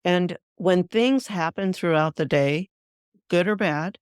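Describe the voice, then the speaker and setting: A woman hosts her own spiritual podcast and talks listeners through a practice in a calm, measured way. Her voice is smooth and clear. The sound is dry and close, with no room in it. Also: on the low side, dry recording. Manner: calm, measured, guiding explanations. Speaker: spiritual teacher, podcast host. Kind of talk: instructive solo talk.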